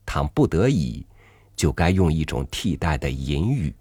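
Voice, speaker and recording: A man narrating a literary story in a measured, reflective reading. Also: a bass voice, sing-song, darkish tone, breathy edge, no room sound, faint music behind.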